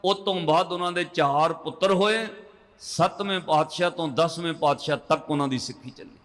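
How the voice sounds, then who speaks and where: A man preaching a storytelling sermon to a congregation, chanting scripture lines slowly between the narration. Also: on the high side, a bit bright. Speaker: Sikh preacher. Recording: long hall reverb.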